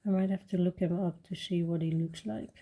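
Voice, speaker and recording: A woman chatting casually while she colors, soft-spoken and rambling with fillers and restarts. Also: lowish voice, steady tone, brisk. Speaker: coloring channel host.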